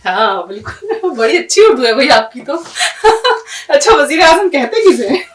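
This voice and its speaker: A woman teaching script, spelling out words letter by letter in a patient, slow way. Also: high voice, big pitch swings, distant mic, a little hiss or hum. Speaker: Urdu teacher. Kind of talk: spelling lesson, writing on screen.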